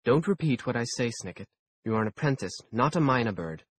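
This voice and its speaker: A man reading an audiobook voices a brisk, bossy adult woman who lectures her young apprentice, raising his voice higher and louder for her. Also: lively intonation, husky. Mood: stern. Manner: curt, lecturing, commanding.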